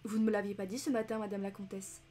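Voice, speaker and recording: A woman voicing a shrewd, polite male detective who questions calmly and insistently in an audiobook reading. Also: medium pitch, fast talker, a little hiss or hum, close to an everyday voice.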